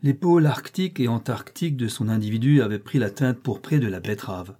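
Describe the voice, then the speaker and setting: A man reading a nineteenth-century short story aloud, with expressive, theatrical narration. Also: medium pitch, brisk. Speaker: audiobook reader.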